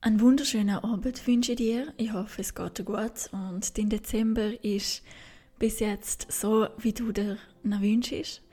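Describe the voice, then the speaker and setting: A woman guides a bedtime meditation like a sleep story narrator, soft, breathy, gentle and slow, with long pauses. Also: mid-range voice, fairly even intonation, faint music behind. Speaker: podcast host and meditation guide.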